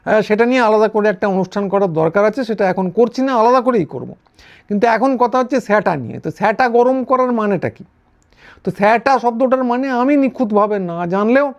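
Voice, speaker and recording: A man giving a sarcastic political commentary, pausing and restarting often. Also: sits high, darkish tone. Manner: wry, sarcastic, with frequent hesitations and restarts. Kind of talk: casual political commentary monologue. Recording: dull, lo-fi recording.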